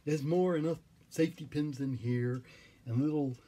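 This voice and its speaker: A clown giving an informal, playful and theatrical demonstration in a silly, whimsical, rambling way, with a husky voice and repeated phrases. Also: mid-range voice, moderate pace, dark tone. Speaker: clown teaching wig and costume styling.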